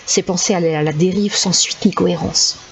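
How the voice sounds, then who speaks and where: A woman reading a storybook aloud in calm, measured scripted narration. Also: lowish voice, creaky. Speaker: audiobook narrator. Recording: slightly dull with faint hiss.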